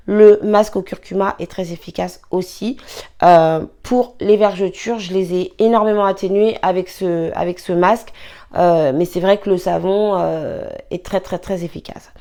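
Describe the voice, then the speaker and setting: A woman's voice: mid-range voice, a little mellow. Chatty woman vlogging a home recipe. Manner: chatty, rambling with many fillers and restarts; apologetic asides while working with her hands. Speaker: beauty vlogger. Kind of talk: casual how-to vlog.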